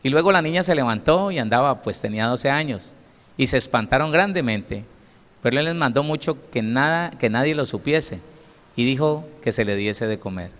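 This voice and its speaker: A man preaching a sermon as pastor, emphatic and lively, acting out scenes. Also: medium pitch, moderate pace. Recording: long reverb of a large hall.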